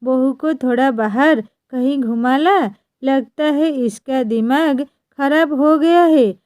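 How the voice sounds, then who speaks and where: A woman's voice: high voice, slow pace, a little mellow, dry recording, clean studio sound. A woman voicing a stern, old-fashioned older mother-in-law in a scolding tone.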